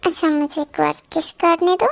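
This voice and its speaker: A woman voicing a loving young wife who faces surgery, in a fan-made audio drama. She speaks softly, gently and affectionately. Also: extremely high pitch, level tone, brisk, creaky, no echo. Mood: pleading.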